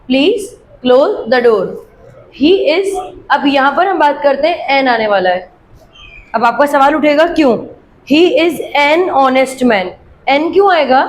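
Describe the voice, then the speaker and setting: A woman teaching English grammar from a worksheet. She reads example sentences slowly and clearly, then explains them quickly, often asking her students questions and answering them herself. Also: sits high, slight background noise, poor audio.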